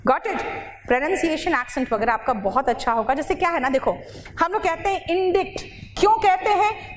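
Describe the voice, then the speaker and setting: A woman teaching English vocabulary in a classroom lecture. She asks her students questions and then answers them herself, and she mixes English phrases into her explanations. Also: high-pitched. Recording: reverberant hall with faint noise.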